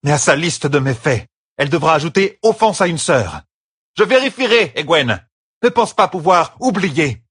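A man voicing a wrathful woman of a religious order who barks sharp orders. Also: on the high side, sing-song, normal speed, slightly rough, no echo, clean studio sound, voice pushed up, full character voice. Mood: threatening. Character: wrathful stern woman of an order, cold fury.

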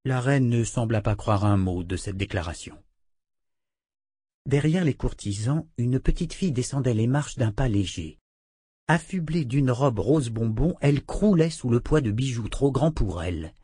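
A man narrating a fantasy audiobook in a measured, expressive reading. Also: mid-range voice, breathy edge, dry recording, studio quality.

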